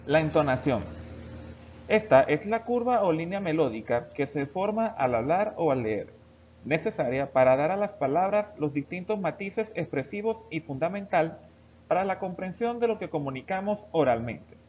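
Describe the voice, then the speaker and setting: A man's voice: on the high side, moderate pace. A man teaching a recorded class, explaining step by step and talking directly to his students. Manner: steady explanatory delivery, addressing students directly. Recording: dull lo-fi recording with faint background hiss.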